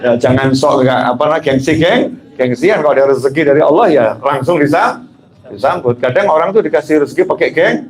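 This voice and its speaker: A man preaching a relaxed, conversational sermon, telling personal stories with rhetorical questions and playful asides. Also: fairly high pitch, a little fast.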